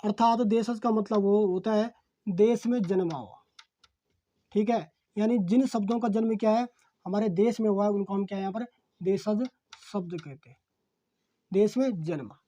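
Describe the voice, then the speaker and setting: A man's voice: high voice, dark tone. A male teacher giving an exam-prep grammar lesson, repeating key phrases and posing rhetorical questions that he answers himself, with frequent "okay, friends" fillers. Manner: fills pauses with "okay, friends".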